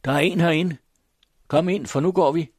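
A man reading aloud voices a sturdy middle-aged peasant woman, brisk and loud as she calls through the house. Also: medium pitch, steady tone, breathy edge, dry recording, clean studio sound, natural voice. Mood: brisk calling. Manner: brisk, calling out loudly.

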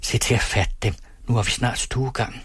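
A man voicing a calm, matter-of-fact female nurse in an audiobook. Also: medium pitch, slightly rough, no room sound.

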